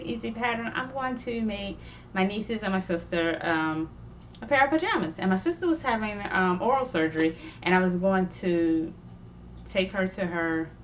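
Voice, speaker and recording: A young woman chatting casually about her sewing projects, digressive and quick to laugh. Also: mid-range voice, slight background noise. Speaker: sewing vlogger. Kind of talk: casual chat.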